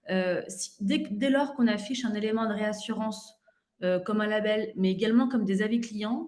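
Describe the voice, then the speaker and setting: A woman's voice: mid-range voice, warm tone, roomy sound. A woman giving an expo conference talk, fluent but with frequent fillers and restarts. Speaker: conference speaker. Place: conference hall.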